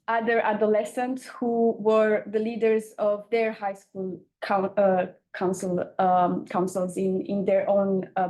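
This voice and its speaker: A young woman from Romania with an Eastern European accent, giving an informal conference talk with frequent hesitant pauses. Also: fairly high pitch, a little mellow. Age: young adult. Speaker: campaigner, panel speaker.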